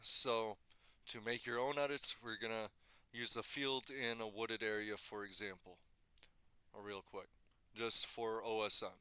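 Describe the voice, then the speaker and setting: A man giving a casual screen-recorded software tutorial, thinking aloud and correcting himself as he goes, slightly losing his voice. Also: lowish voice, flat delivery, measured pace, clean tone, no room sound. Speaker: tutorial maker.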